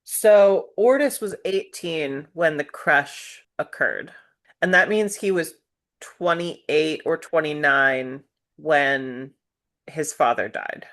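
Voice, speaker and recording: A woman co-hosting a casual book-discussion podcast, talking in a measured, analytical way and raising questions about the text. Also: sits low, fairly bright tone. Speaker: podcast co-host.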